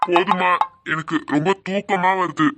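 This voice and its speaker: A man's voice: sits high, steady tone, moderate pace, over loud music. A man playing a sleepy, exasperated husband in a comic couple sketch. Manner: grumbling, exasperated. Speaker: sleepy husband in a comedy skit.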